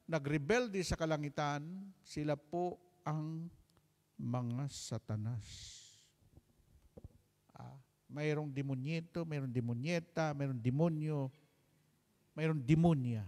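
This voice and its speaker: A man's voice: on the high side, takes it slowly, pauses often, darkish tone. Joking man preaching in a reverberant hall. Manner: mixes English and Tagalog, jokes, keeps asking for an amen. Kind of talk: healing message sermon.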